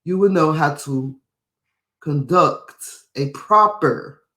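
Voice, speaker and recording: A man's voice: a little high, slow, pushed and bright. Indignant man reading news, echoey room. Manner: indignant, repeats phrases for emphasis. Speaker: podcast host. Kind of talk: reading and commenting on a news article.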